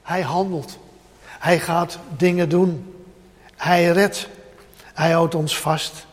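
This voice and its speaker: A man delivers an emphatic sermon directly to his listeners, repeating short phrases as he builds up. His voice is a little high, slow, and fairly even in intonation, and the recording carries a long hall reverb.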